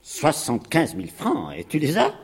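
An actor playing a gruff, grasping older landlord who blusters and threatens, in a 1980s radio drama. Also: male voice, fairly high pitch, wildly swooping pitch, normal speed. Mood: menacing.

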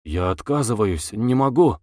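A man voicing an uneasy, reserved male lawyer who speaks quietly and with restraint. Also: fairly low pitch, expressive, normal speed, no room sound, clean studio sound, lightly acted.

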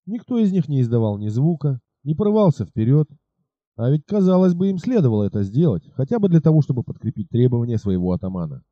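A man reading an adventure novel aloud as a narrator, dramatic and lively. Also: medium pitch, quick pace, no echo, highs cut off. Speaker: audiobook narrator. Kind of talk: expressive scripted narration.

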